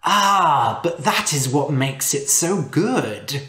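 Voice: medium pitch, very animated, takes it slowly, a bit bright. A storyteller voicing a sly, cheerful male trickster with a playful, boastful manner, in a roomy echo.

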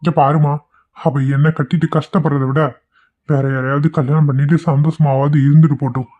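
A man's voice: on the high side, level tone, a little fast, phone-quality sound, lightly acted. A man voicing a weary young man in a cartoon, resigned and pleading to be left alone.

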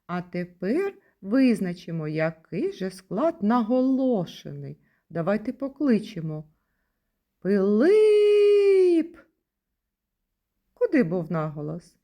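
Slow, lively-voiced kindergarten teacher woman. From Ukraine. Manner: sing-song, stresses key words with rising pitch. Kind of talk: slow, patient lesson for young children.

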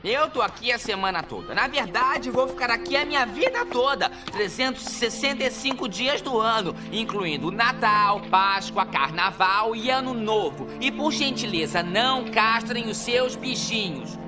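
A restless, wisecracking cartoon zebra with a Brazilian accent. He talks playfully in a very high, lively voice, with music behind him. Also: normal speed, hardly any pauses. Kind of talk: animated film dubbing.

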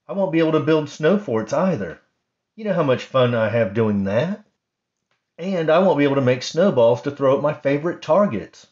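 A man's voice: a little high, animated, normal speed, a little mellow, highs cut off, pitched above the performer's own voice, lightly acted. A man voicing a cranky male rabbit who keeps grumbling and complaining, in a storybook reading. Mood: grumpy.

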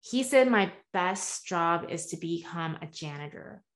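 With a fairly low, slightly slow voice, a woman in her forties tells her story as a guest coach over a video call from a room at home. Born in the US and partly raised in Taiwan, she speaks earnestly, gestures animatedly with her hands, and often slips in "right?" asides. It's candid interview storytelling.

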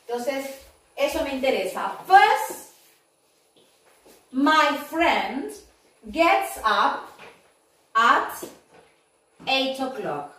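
Slow-spoken teacher woman, echoey room. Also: high voice, bright, forceful tone. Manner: slow, drawn-out model phrases mixing Spanish and English. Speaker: English teacher. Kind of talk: video lesson for children. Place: classroom with whiteboard. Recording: very echoey room, far from mic.

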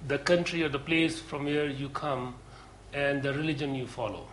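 A man giving a lecture to a seminar group, earnest and deliberate, pausing often with hesitations. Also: medium pitch, fairly bright tone, a little hiss or hum, rough recording. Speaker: course lecturer.

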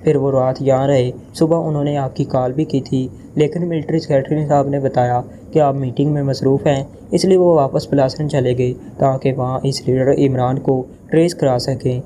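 A man's voice: medium pitch, fairly even intonation, moderate pace, few pauses, warm tone, slight background noise, lightly acted. A man voicing a flustered, dutiful male army colonel who reports formally, in an audio novel. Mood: deferential.

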